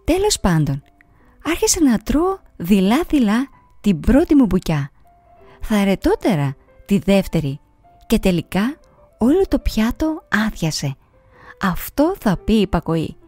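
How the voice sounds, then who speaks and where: A woman reading a children's story aloud, with an expressive storytelling delivery. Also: medium pitch, long pauses, no echo, soft background music. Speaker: audiobook reader. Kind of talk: storybook narration.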